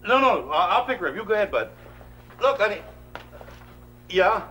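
A man's voice: high-pitched, very animated, normal speed, pushed and bright, heavily acted, low-quality recording. A genial older father. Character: gentle, good-humored family patriarch. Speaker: father and grandfather. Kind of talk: 1970s TV movie acting.

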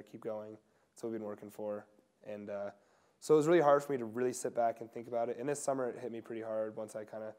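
A young man answering interview questions in a casual, soft-spoken way, with fillers and restarts, seated in an indoor lodge room. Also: fairly low pitch, clean tone. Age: young adult. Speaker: pro skier interviewee.

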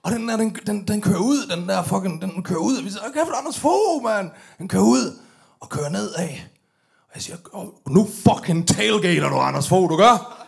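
A Danish man with an Aalborg accent telling comic stories live on stage, swearing freely and bursting into loud, acted-out quotes. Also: high voice, gravelly. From Denmark. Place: large tent venue, live audience.

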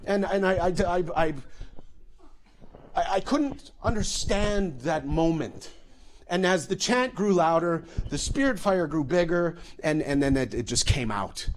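A man from Canada giving a comedic storytelling talk, animated and full of restarts and repeated words. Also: fairly high pitch, unhurried. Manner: animated, many restarts and repetitions. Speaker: public speaker.

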